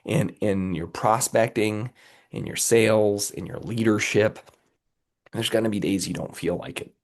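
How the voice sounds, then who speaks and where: A man with a cold speaks as an interview guest, his voice low and gravelly with a raspy edge. He talks earnestly and motivationally, repeatedly checking in with the listener. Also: measured pace. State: has a cold, under the weather. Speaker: guest, company executive.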